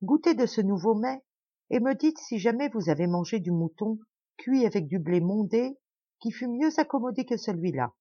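A woman's voice: medium pitch, lively intonation, normal speed, mellow, husky, dry recording, dull audio, pitched above the performer's own voice. A woman voicing a pompous, lavish male lord who grandly and insistently presses food on his guest, in an audiobook tale. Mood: grand, coaxing.

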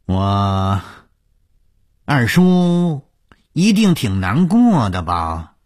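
A man's voice: medium pitch, very animated, extremely slow, darkish tone, pitched above the performer's own voice. A man voicing a scheming middle-aged company manager who greets people in a hearty, falsely friendly manner.

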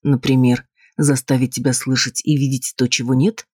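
A man's voice: mid-range voice, little pitch movement, normal speed, darkish tone, slightly rough, no echo, studio quality, close to an everyday voice. A man playing a cold, patronizing husband. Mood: dismissive. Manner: cool, patronizing, dismissive.

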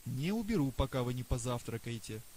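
A man's voice: medium pitch, very animated, brisk, a little mellow, lightly acted, rough recording. Insistent young boy servant, as a male narrator puts him on. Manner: insistent, coaxing. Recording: faint hiss.

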